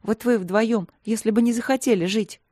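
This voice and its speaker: Brief: narrator as a bashful young princess, curious and questioning, a bit higher, audiobook. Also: female voice, moderate pace, dark tone, no room sound, clean studio sound, close to an everyday voice. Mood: shy. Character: shy, curious young princess, easily embarrassed.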